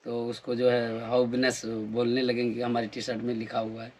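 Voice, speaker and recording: A man's voice: medium pitch, monotone, normal speed, darkish tone. A man as a guest in a casual chat, telling his story in plain, hesitant speech.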